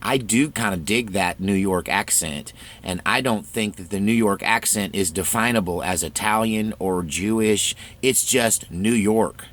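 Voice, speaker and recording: A man's voice: lowish voice, measured pace, fairly bright tone. A man hosting his own channel, talking through a casual, rambling monologue with frequent restarts. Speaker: channel host.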